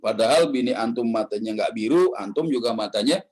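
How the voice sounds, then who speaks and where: A man's voice: medium pitch, lively intonation, a little fast, a little mellow, husky, low-quality recording. A man giving a casual, joking religious talk, acting out the voices he quotes. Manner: joking, acts out quoted voices, laughs often. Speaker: preacher. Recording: online study session.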